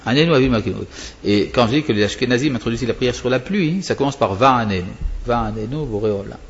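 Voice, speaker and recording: A man's voice: medium pitch, fast, muffled recording, slight background noise. A male religious teacher explaining prayer to students, wandering off topic and answering his own questions.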